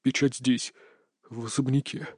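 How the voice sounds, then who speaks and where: A man's voice: mid-range voice, flat delivery, measured pace, a little mellow, husky, no room sound, studio quality, pitched below the performer's own voice. A man voicing a timid, frightened male servant who mumbles in a subdued tone. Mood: fearful.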